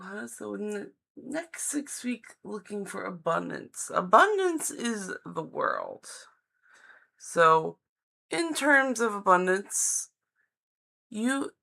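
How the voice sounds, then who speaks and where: A woman giving a live psychic-hotline style card reading, speaking in halting, deliberate phrases with an encouraging, reassuring manner. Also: medium pitch, vocal fry, pushed and bright. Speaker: live-stream tarot reader and host.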